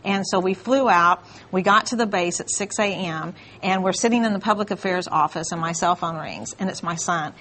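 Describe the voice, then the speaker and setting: A middle-aged woman, a guest on a morning TV show, telling a story in an animated way and acting out the dialogue. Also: on the low side, moderate pace, hardly any pauses, slight background noise. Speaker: guest, breast cancer survivor and cookbook organizer. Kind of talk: morning TV interview.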